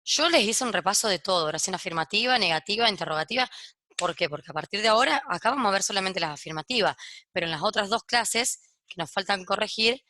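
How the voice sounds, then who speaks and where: Bright, dry-voiced woman teaching English. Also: mid-range voice, expressive, fast, no room sound. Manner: explains step by step, checks in with "¿ok?" after each point; switches between Spanish explanation and English examples. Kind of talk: recorded grammar lesson for kids.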